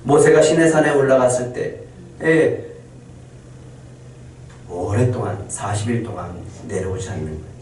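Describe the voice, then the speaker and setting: A male pastor preaching a Sunday sermon, pausing for effect and acting out quoted complaints. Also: mid-range voice, a little hiss or hum. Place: church sanctuary. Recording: loud echo, distant mic in church hall.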